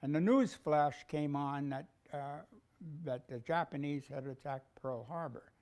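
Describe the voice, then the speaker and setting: A man's voice: a little high, measured pace, darkish tone. Older man. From Brooklyn. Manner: matter-of-fact. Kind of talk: oral history recollection.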